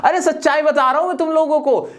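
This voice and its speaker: A man teaching a grammar lesson who keeps asking questions and answering them himself. He joins in with playful jokes for his students and draws out his example sentences slowly. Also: extremely high pitch, a bit bright.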